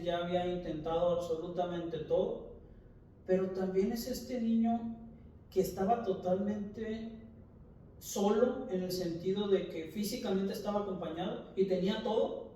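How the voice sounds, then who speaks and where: A man with a high, mellow voice recounts his cases as a doctor in a casual, storytelling way, acting out the people in them. He sounds set back from the microphone in a very echoey room, with faint background noise. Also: distant mic. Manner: acts out quoted dialogue in the stories.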